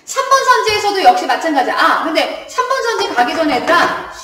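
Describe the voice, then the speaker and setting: A woman's voice: extremely high pitch, sing-song, a little fast, pushed and bright. A woman teaching a literature class in a chatty lecturing manner, laughing often and checking that her students follow. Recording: echoey hall, distant mic.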